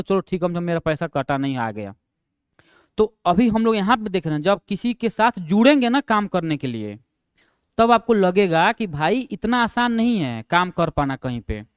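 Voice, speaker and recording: A young man teaching an online class, chatting through his stories in a high, smooth voice. He laughs easily at himself and drops into a low mumble when he quotes others. The sound is close and dry, with no room in it. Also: no echo. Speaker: online exam-prep teacher. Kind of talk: casual classroom storytelling.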